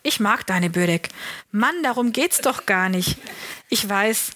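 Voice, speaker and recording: A woman voicing a gentle, sleepy man in an audiobook, speaking softly and affectionately. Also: medium pitch, animated, measured pace. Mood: soothing.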